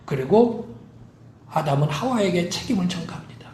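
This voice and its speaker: Emphatic high-voiced male pastor preaching. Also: expressive, normal speed, a little mellow, roomy sound, a little hiss or hum. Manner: emphatic preaching, acting out quoted lines. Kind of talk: sermon. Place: church sanctuary.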